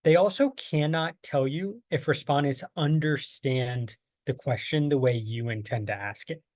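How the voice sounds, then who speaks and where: This workshop presenter from the United States gives an online training lecture on survey design, his mid-range, darkish voice moving a little slowly. He explains patiently through plain everyday examples, and the clean studio recording has no room sound.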